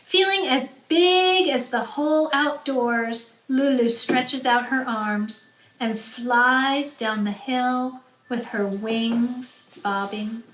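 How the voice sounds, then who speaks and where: In an echoey room with faint background noise, a woman reads a children's picture book slowly. Her voice is high and bright, and she reads with expression, leaning on key words in a teacherly manner.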